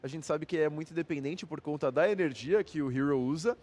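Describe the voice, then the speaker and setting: High-voiced Brazilian male co-caster. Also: fairly quick, a little mellow. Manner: slangy, chatty. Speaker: esports co-commentator. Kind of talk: casual live match commentary.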